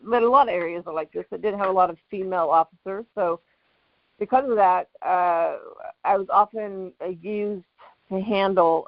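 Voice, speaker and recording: A middle-aged woman, a former police officer, speaking in a measured, matter-of-fact way as a guest in an interview. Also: on the low side, creaky, no echo. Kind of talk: conference call interview. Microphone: phone on a conference call. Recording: muffled conference call line.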